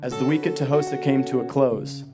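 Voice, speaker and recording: A man's voice: medium pitch, fairly even intonation. Man narrating formally over guitar. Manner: measured, formal storytelling. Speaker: documentary narrator. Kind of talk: scripted narration. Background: loud guitar music.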